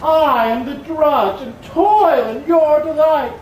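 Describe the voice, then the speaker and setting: Old nurse, gossipy and put-upon, played on stage; high and lively, slow delivery, distant echoey room. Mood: bossy. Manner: moaning and drawn-out teasing. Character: fussy old nurse, a woman, complaining and teasing. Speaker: stage actor. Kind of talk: stage acting. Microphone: far room mic. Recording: roomy hall, faint noise, from far.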